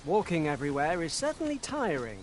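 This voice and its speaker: Earnest male retainer for fantasy game: high, very animated, archaic and polite. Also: fairly quick, a little hiss or hum. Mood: earnest, dutiful. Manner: formal, archaic, earnest phrasing. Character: loyal, courteous male fantasy companion serving a master. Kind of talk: video game voice acting. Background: game music.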